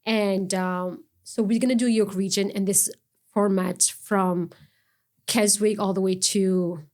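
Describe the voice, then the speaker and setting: A middle-aged non-profit founder from Ontario, Canada, speaks earnestly as a guest in a relaxed interview, with an ordinary-pitched voice. Her unhurried, conversational phrases often halt and restart.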